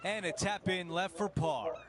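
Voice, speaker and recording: A man giving polished, measured play-by-play as a lead golf commentator. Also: sits high, fairly even intonation, crowd noise, background noise. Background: background music.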